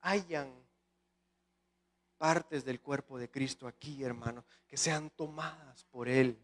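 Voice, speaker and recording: A man's voice: medium pitch, slow pace. A man with a Salvadoran accent preaching a sermon with impassioned delivery, often calling out to the congregation. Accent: Salvadoran Spanish. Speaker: guest pastor.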